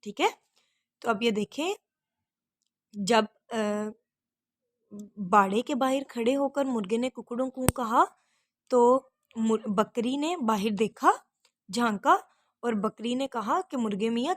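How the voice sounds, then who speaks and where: Slow, patient woman teacher. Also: on the high side, dry recording. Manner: patient, explains and repeats hard words; addresses pupils as "beta". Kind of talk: recorded lesson for children.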